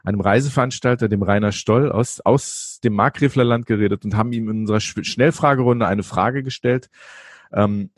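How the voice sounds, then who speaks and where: A man's voice: on the low side, a little fast, slightly rough. A young man hosting a podcast, chatty and leading into new topics with long wordy setups. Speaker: podcast host.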